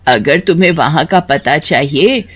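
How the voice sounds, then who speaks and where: Woman doing a slow, gossipy neighbor. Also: deep voice, animated, husky, exaggerated voice.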